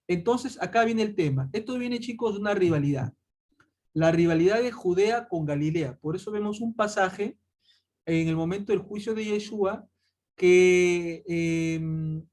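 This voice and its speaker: A man gives an explanatory Bible lesson in a rather high voice. He speaks to his listeners directly, calling them "chicos", and works through points with rhetorical questions. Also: darkish tone. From Peru. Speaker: Bible teacher.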